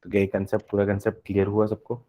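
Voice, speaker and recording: Mellow low-voiced male maths teacher. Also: monotone, very fast, slight background noise. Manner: explains step by step, keeps asking the class questions. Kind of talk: live online maths lecture.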